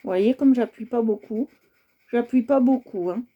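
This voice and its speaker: A woman's voice: a little high, moderate pace, narrow, tinny audio. A woman hosting a coloring livestream, chatting casually with her viewers and often repeating herself as she checks in with them.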